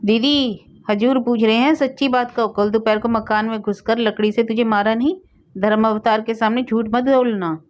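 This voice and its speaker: A woman voicing a fawning, excitable village man who tattles to an officer, in a storybook reading. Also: fairly low pitch, a little fast, muffled recording, natural voice. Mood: wheedling. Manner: wheedling, excitable.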